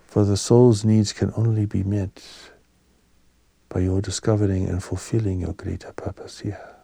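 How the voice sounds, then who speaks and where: Fairly low in pitch, a man delivers a spiritual sermon like a teacher, calm and solemn yet gentle. His soft voice moves in short, measured phrases that turn breathy at the close, captured in a dry recording.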